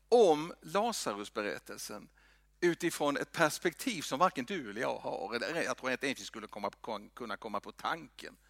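Gravelly pastor preaching. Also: male voice, mid-range voice, no echo, clean studio sound. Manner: dramatic swings from loud to hushed whispers. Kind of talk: sermon. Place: church.

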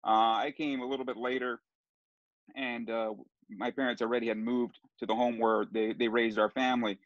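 Speaking at a normal speed in a level, mid-range voice, a middle-aged Southern California man appears as a sports broadcaster guest, telling stories in a casual interview. He rambles, restarting frequently and leaning on fillers. The sound is dry with no echo, and somewhat muffled.

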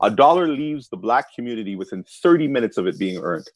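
A man's voice: medium pitch, fast talker, no echo. Impassioned man in a dry close recording. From Canada. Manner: animated, impassioned, acts out quoted people. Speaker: voice actor. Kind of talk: casual podcast discussion.

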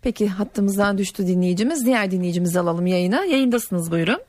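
A woman's voice: medium pitch, expressive, brisk, a little mellow, no room sound. A woman hosting a radio call-in, formally thanking guests and bringing listeners on air. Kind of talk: brisk formal hosting of callers. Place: radio studio.

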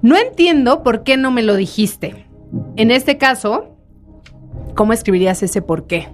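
A woman's voice: a little high, expressive, measured pace, soft background music. A woman hosting a grammar quiz on a radio panel, explaining rules patiently and laughing often. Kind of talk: lively radio panel chat. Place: radio studio.

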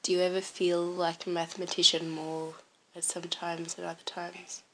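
A woman's voice: fairly low pitch, monotone, normal speed, bright, forceful tone, slight background noise, low-quality recording. A woman interviewing casually, asking curious, probing questions. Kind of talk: casual conversation.

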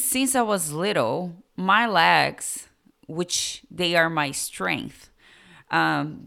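A woman's voice: sits low, creaky, fairly bright tone, clear, resonant tone. A young adult woman with a Brazilian accent hosting a podcast, telling her life story in a hesitant way with many fillers. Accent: Brazilian Portuguese. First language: Portuguese. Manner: slow, hesitant, frequent fillers. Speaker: podcast host.

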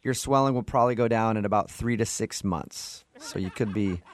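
A radio host with a lowish voice speaks a little fast as he makes a prank phone call. Deadpan throughout, he feigns confusion and barely contains his laughter.

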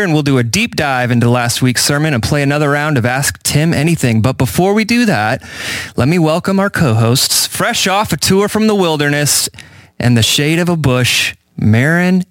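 A man's voice: a little high, big pitch swings, normal speed, fairly bright tone, dry recording. A young man hosting a casual church podcast, with playful, jokey introductions. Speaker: podcast host.

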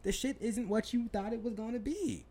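A man's voice: high-pitched, normal speed, warm tone, husky. A young man in casual sports talk, ranting heatedly with profanity and laughing at himself. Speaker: podcast co-host.

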